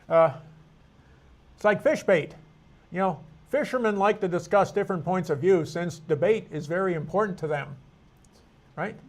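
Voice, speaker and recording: High-voiced man teaching a Bible class. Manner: rambling, thinking aloud with frequent restarts and asides. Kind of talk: informal Bible study lecture.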